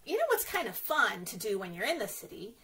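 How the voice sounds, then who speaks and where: A librarian leads story time for children, her medium-pitched voice very animated, fairly quick, and sharp in tone. She keeps things encouraging and sing-song, regularly posing questions straight to her young audience.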